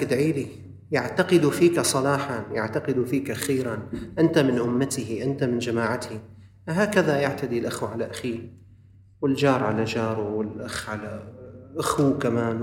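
A man with a Levantine Arabic accent preaching a sermon, moving from loud urging to quiet, earnest asides. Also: mid-range voice. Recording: roomy, distant from the mic.

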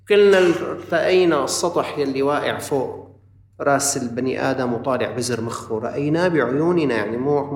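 A man with a Levantine Arabic accent preaching a sermon, moving from loud urging to quiet, earnest asides. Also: medium pitch. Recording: roomy, distant from the mic.

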